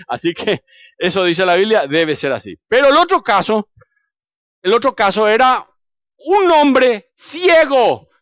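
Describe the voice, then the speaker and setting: High-voiced Paraguayan preacher, dramatic swings. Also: male voice, dry recording. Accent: Paraguayan Spanish. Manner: animated storytelling, swings from loud to hushed, asks the congregation questions. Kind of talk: sermon.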